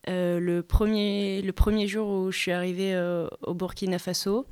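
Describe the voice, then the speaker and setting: A woman's voice: fairly low pitch, level tone, normal speed, darkish tone, clean tone. A woman answering interview questions hesitantly, with many fillers.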